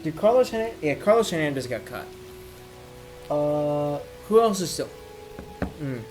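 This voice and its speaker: Tipsy man rambling, higher-pitched voice. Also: very animated, music in the background, rough recording. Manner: drinking while ranting, tipsy rambling; halting, thinking aloud. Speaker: MMA commentator giving opinions. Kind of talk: casual off-the-cuff rant.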